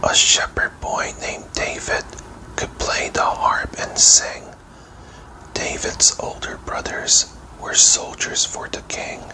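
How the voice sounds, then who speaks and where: A man whispers a children's bedtime story in a breathy ASMR voice, telling it in gentle, measured, rhymed fairy tale phrases. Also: rough recording.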